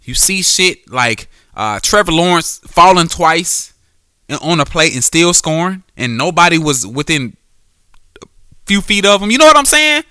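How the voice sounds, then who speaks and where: A man's voice: on the high side, very animated, normal speed, bright, forceful tone, smooth, dry recording, clean studio sound. A man hosting a solo podcast, talking casually and profanely about sports, with frequent restarts and self-corrections. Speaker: podcast host; former quarterback.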